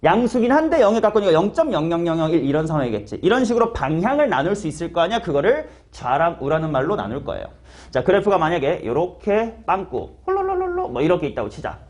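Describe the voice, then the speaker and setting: A male math teacher giving a classroom lecture. His voice sits high and swings widely in pitch as he explains. He talks in a casual, slangy way and keeps putting questions to students by name. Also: very animated, quick pace, darkish tone.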